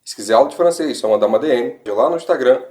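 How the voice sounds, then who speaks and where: A man with a Brazilian Portuguese accent explains French grammar in an online lesson, slowing down to pronounce each example clearly. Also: medium pitch, expressive, warm tone. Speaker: French teacher.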